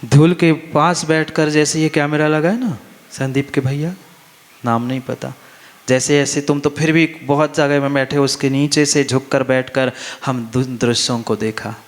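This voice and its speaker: A Jain monk with a steady, mid-range voice preaches a little slowly to a religious festival audience. Insistent and repetitive, he stresses his points and questions his listeners. The big hall lends a long, echoing reverb to the recording.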